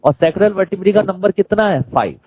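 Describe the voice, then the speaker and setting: A man's voice: high-pitched, animated, fast, breathy edge, dry recording, dull audio. A man with an Indian accent teaching a classroom lecture, who keeps quizzing the class and repeating key terms.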